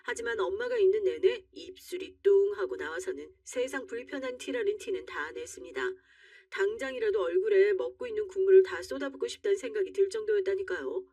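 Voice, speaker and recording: A woman's voice: medium pitch, animated, a little fast, warm tone, dry recording. Female storyteller, indignant and confiding; dry, slightly distant recording. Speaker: story narrator. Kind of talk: first-person story reading.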